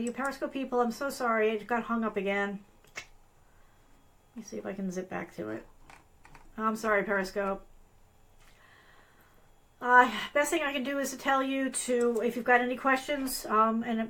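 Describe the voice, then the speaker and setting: A woman's voice: on the high side, bright, forceful tone. A woman hosting a live online tutorial, losing her voice, chatty and apologetic, with lots of fillers and restarts. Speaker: host of a live business analyst show. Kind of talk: casual live-stream tutorial.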